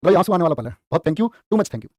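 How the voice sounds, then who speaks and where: Man, teacher, quick animated delivery, dry close sound. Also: on the high side, dry recording. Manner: lively, animated teaching with rhetorical questions and Hindi couplets; calls students "प्यारे बच्चे". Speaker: Hindi teacher for exam prep. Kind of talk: live online exam-prep class.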